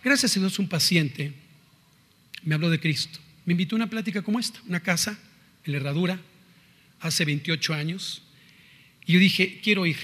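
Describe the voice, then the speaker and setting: A middle-aged man with a Mexican Spanish accent giving a personal faith testimony in an earnest, conversational way, moving between quiet and emphatic moments. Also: high voice, big-room sound. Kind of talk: testimony talk.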